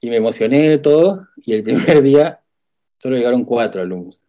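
A middle-aged Peruvian man with a Peruvian accent tells his story, colloquial and animated. He acts out the people he quotes. His mellow voice moves at a quick clip and comes through a muffled, lo-fi recording. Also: mid-range voice. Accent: Peruvian Spanish. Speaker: guest telling his story. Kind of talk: personal testimony storytelling.

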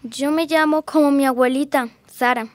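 A woman's voice: high-pitched, normal speed, dry recording, close to an everyday voice. A woman voicing a chatty, curious little girl in an educational radio drama. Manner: chatty, excitable.

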